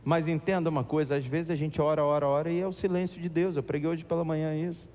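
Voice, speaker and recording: A man preaching a sermon as pastor, animated and acting out voices in his stories. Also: fairly high pitch, fast, slight background noise. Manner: animated, acts out voices in anecdotes. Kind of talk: storytelling sermon. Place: church. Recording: echoey church hall.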